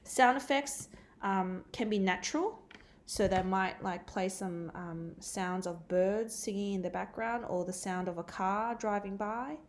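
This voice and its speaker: A woman teacher gives a recorded catch-up lesson, walking through the material step by step with frequent ums and uhs. Her voice is medium in pitch and her pace is measured.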